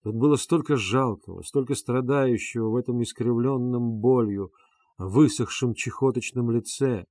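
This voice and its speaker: A man narrating an audiobook in a steady, measured reading voice. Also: mid-range voice, dry recording, clean studio sound. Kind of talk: scripted narration.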